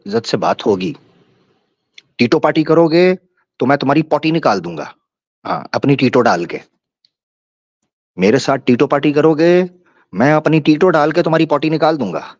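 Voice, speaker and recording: A man's voice: fairly high pitch, animated, moderate pace, creaky, pauses often, darkish tone, dry recording. A man hosting a live-stream debate, ranting in a taunting, mocking and crude way. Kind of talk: combative live-stream rant. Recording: dull lo-fi stream audio.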